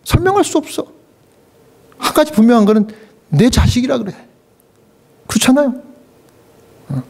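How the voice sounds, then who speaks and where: High-voiced man preaching with feeling. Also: very animated, moderate pace, creaky, a little mellow, slight background noise. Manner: emotional preaching with sudden pitch leaps and acted quotes; conversational, asks the congregation questions. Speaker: pastor. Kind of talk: sermon.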